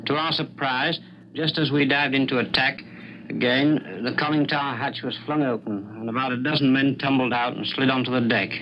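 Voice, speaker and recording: A man's voice: mid-range voice, steady tone, a little fast, slight background noise. Grave British airman, muffled 1940s radio. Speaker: air force pilot recounting combat. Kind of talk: 1940s wartime radio account, partly scripted.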